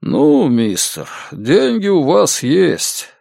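A man reading the lines of a gruff, plain-spoken older bait shop owner in an audiobook. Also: a little high, wildly swooping pitch, very slow, darkish tone, no echo, clean studio sound, pitched above the performer's own voice, heavily acted. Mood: matter-of-fact.

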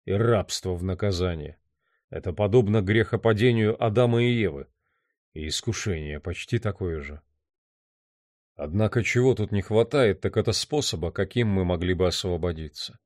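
A weary, despairing man murmurs his thoughts in a low, hushed voice, as the narrator reads him. He sounds drained and inward, recorded dry and close for an audiobook. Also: normal speed, no echo, natural voice. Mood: brooding.

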